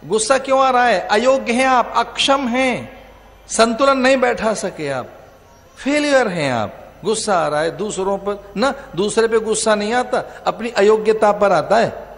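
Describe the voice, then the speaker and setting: A spiritual teacher speaking Hindi-accented English from north India delivers a religious discourse in a large venue, recorded in an echoing hall with faint music. His high, slightly bright voice rises and falls as he emphatically presses his points through long, repetitive lists.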